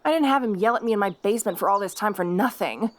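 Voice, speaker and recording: A woman's voice: medium pitch, fast talker, close to an everyday voice. A woman playing a jealous yandere fox girl in an audio role-play, cheerfully menacing and taunting. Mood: boastful, menacing. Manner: jealous, taunting, gleefully threatening.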